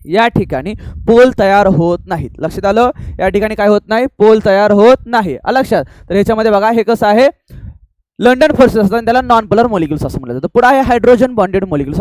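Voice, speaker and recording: A male teacher with a Marathi accent runs a lively classroom drill, firing questions and pushing students to answer louder. His voice sits high and moves quickly, and the sound is dry and close. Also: no room sound. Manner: call-and-response drilling, urging students to answer loudly; mixes English terms into fast classroom talk. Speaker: chemistry teacher. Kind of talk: classroom lecture.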